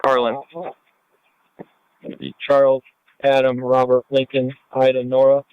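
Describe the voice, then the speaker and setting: Man, police officer, two-way radio transmission, monotone, dull scanner sound. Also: mid-range voice, a little slow, smooth, dry recording. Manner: flat, clipped radio procedure talk. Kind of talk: radio dispatch call.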